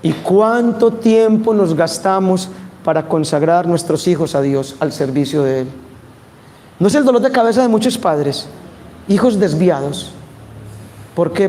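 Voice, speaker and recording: A man with a Colombian Spanish accent preaching a sermon, animated and asking his audience questions. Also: on the high side, moderate pace, slight background noise.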